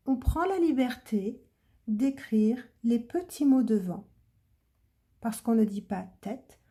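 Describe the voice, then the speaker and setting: A woman teacher slowly and patiently talking children through handwriting letter by letter, in a clear step-by-step way. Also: fairly high pitch, dark tone. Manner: slow, patient, clearly articulated dictation. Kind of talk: handwriting lesson, step-by-step instruction.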